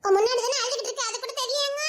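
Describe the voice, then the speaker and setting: A woman's voice: extremely high pitch, fairly even intonation, racing, a bit bright. A woman voicing a stubborn, confused young daughter who keeps protesting, with a Tirunelveli Tamil accent. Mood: insistent. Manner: insistent, protesting. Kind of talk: Tamil serial drama dialogue.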